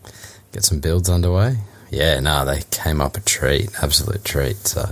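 An Australian man with an extremely deep voice chats as a podcast co-host. He talks in an easygoing, plain-spoken way over a remote call. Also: moderate pace. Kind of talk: casual chat.

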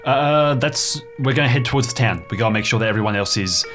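A man playing an anxious monster hunter in a tabletop game, halting at first and then giving urgent orders. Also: mid-range voice, fairly bright tone, soft background music, natural voice.

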